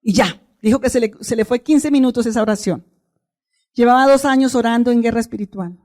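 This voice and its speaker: Brief: woman preacher, mellow and fairly high, emphatic sermon delivery with call-and-response. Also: brisk. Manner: calls the congregation to repeat phrases; emphatic, rising to forceful exclamations.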